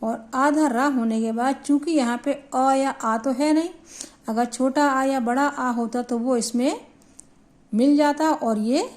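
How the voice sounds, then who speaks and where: Slow, high-voiced woman teaching Hindi grammar. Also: darkish tone. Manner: slow, deliberate, spells out syllables. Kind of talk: classroom grammar lesson.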